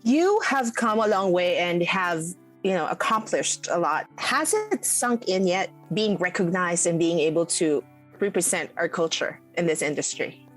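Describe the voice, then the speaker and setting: A woman's voice: on the low side, animated, moderate pace, faint music behind, low-quality recording. Woman asking brief friendly questions. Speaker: interviewer. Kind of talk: interview questions.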